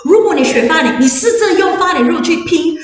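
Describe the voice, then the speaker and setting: Lively woman teacher in an echoey classroom. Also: extremely high pitch, fast. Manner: switches between Mandarin and English, quizzes the audience. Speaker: English teacher. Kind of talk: info session talk to parents and children. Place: classroom with an audience. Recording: echoey room, distant mic.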